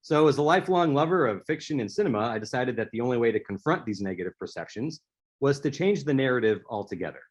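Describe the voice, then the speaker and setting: Husky-voiced man giving an author talk. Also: mid-range voice, animated, fast. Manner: storytelling, with some restarts. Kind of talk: prepared speaker-series presentation.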